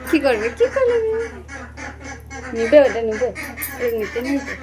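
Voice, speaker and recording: A woman's voice: on the high side, big pitch swings, unhurried, crowd noise. A woman talking playfully to a baby in coaxing, sing-song baby talk.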